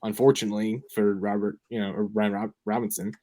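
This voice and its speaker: Low-voiced young man chatting casually. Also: little pitch movement, fast, warm tone. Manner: rambling, thinks aloud with many fillers. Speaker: fantasy football podcast co-host. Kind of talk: casual chat.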